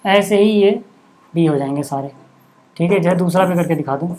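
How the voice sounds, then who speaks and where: A man's voice: sits high, moderate pace, darkish tone. A man teaching a maths lesson in a casual classroom manner, often checking whether his students are following. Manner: casual, repeatedly checks understanding with short asides. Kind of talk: classroom lesson explaining on a board.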